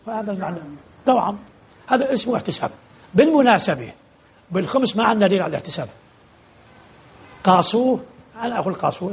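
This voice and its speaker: A man's voice: high voice, muffled recording, slight background noise. A man teaching religious law in a lecture, explaining with repeated examples and rhetorical questions as he answers students.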